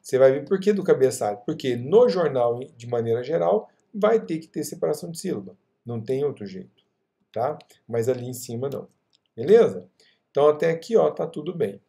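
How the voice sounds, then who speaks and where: Gravelly man teaching software. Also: on the high side, big pitch swings, fairly quick. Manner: chatty, checks in often with the viewer. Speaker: software instructor. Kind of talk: screen-recorded software tutorial.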